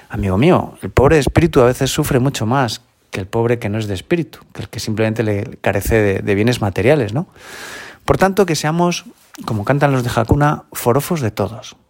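A man's voice: medium pitch, darkish tone. A Spanish-accented man, a school chaplain, giving a conversational homily and often ending phrases with a questioning tag. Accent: Peninsular Spanish. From Spain.

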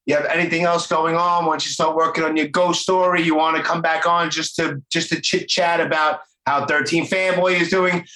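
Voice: medium pitch, flat delivery, normal speed, few pauses, bright, forceful tone. A podcast host with a Brooklyn accent, chatting casually and off the cuff, informally repeating words and phrases. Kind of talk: casual, off-the-cuff interview chat. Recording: roomy, echoing sound.

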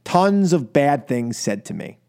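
An American radio host, speaking from the studio, gives a heated political monologue full of exasperated emphasis and repeated phrases. His medium-pitched voice is creaky yet clear and resonant, darkish in tone, swinging widely in pitch at a measured pace.

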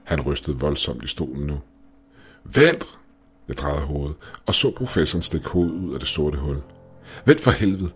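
A man narrating a first-person horror story in a steady, measured way, with faint music behind. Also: rumbling low, breathy edge.

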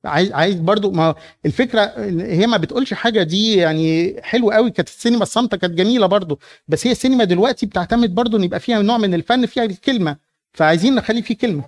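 A man's voice: high-pitched, racing. A man with an Egyptian accent coaching actors through a church drama scene, explaining it animatedly. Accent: Egyptian Arabic. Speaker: drama director.

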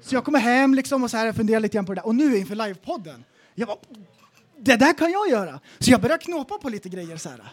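A man co-hosting a casual podcast, telling funny stories in an animated way and acting out what people said. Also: extremely high pitch. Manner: animated storyteller, acts out quotes. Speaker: podcast co-host. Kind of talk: casual comedic podcast chat.

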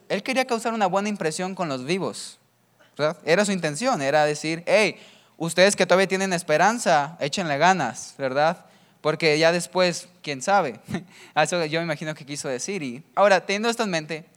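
A man preaches, chatty and casual. He keeps checking in with the listener, and his voice sits high for a man. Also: lively intonation, moderate pace, fairly bright tone. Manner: chatty, keeps asking ¿verdad?. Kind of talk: sermon with humorous anecdotes.

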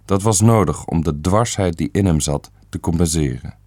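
A man's voice: low voice, normal speed, a little mellow, no room sound, studio quality. A man reading the part of a stern, self-assured elderly great-uncle who speaks bluntly and matter-of-factly.

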